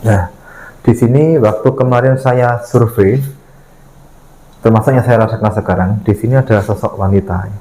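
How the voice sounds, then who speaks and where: A man from Indonesia, narrating a night paranormal exploration vlog in short halting phrases as he explains things to viewers. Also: fairly low pitch, warm tone, a little hiss or hum, rough recording. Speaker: host of a paranormal exploration show.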